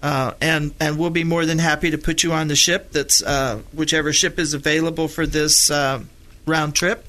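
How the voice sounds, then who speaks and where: Bright, higher-voiced man. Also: level tone, normal speed. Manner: rambling, clears throat often. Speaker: radio show co-host. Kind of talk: casual radio travel chat.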